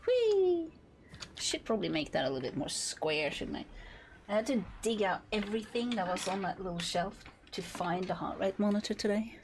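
A woman live streamer chatting playfully to her viewers while gaming, giggling often and slipping into soft whispers. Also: mid-range voice, brisk, a little hiss or hum.

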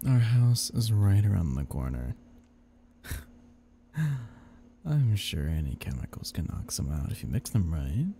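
A man's voice: deep voice, sing-song, a little slow, pauses often, dark tone, slight background noise, exaggerated voice. A man playing a sly, coaxing male devil who schemes with playful menace in an ASMR audio role-play. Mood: scheming.

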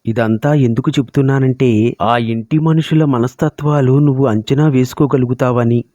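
A man narrating a short story in a steady, measured reading voice. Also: mid-range voice, no echo. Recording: dull lo-fi recording.

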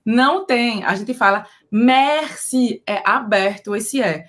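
A woman with a Brazilian Portuguese accent, hosting a casual video lesson and explaining things patiently, slowing down to model sounds. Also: mid-range voice, fairly bright tone. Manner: explanatory, slows down to model pronunciation. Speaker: language teacher.

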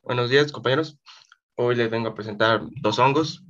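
A male student giving a polite, somewhat halting class presentation over a video call. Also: medium pitch, fairly bright tone. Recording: dull lo-fi call audio.

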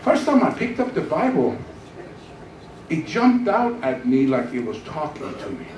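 Holding a mic on a church stage, a middle-aged man gives a testimony sermon as guest pastor, animatedly acting out each exchange in the story. His voice is a little high at a moderate pace, captured from far off in an echoey room with dull audio and slight background noise.

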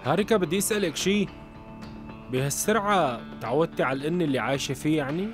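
A man's voice: fairly high pitch, racing, music in the background, lightly acted. A man dubbing a sarcastic teenage schoolboy in a TV drama. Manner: sarcastic, needling. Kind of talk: dubbed TV drama.

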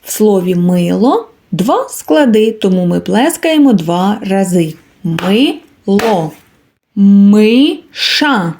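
Brief: woman kindergarten teacher, lively sing-song pitch, deliberate and carefully enunciated. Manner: slow, clearly enunciated, drawing out words. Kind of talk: preschool literacy lesson.

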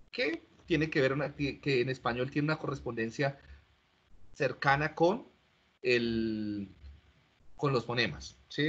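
A man's voice: mid-range voice, a bit bright, breathy edge. Man lecturing over a dull call line. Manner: explanatory, asks students questions, frequent restarts. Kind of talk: online class lecture. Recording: dull lo-fi audio.

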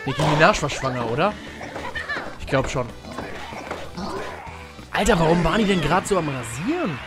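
A young man streaming and commentating a tennis video game for his chat in a casual, jokey way, with sudden excited shouts. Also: a little high, normal speed, loud music behind the voice.

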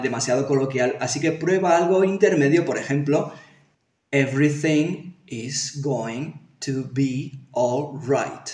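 A man from Spain teaching English pronunciation in a casual video lesson, playful and sounding out words slowly. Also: mid-range voice, darkish tone. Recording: echoey room.

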